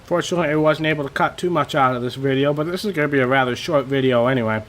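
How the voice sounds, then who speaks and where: A young man giving casual, rambling commentary over his racing game, a little hoarse and self-deprecating, with many fillers. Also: on the high side, racing, fairly bright tone. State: slightly losing his voice. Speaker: gaming channel host.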